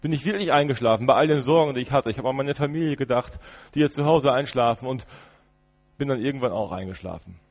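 A male preacher telling a story in the first person during a service, turning from loud outbursts to hushed murmurs. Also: mid-range voice, fast, big-room sound. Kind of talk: first-person dramatic sermon monologue. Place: church.

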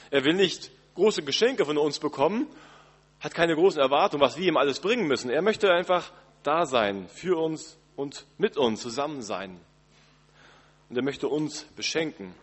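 Male pastor, mid-pitched, slightly husky, conversational Christmas sermon, long church reverb. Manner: gentle, conversational preaching with direct address.

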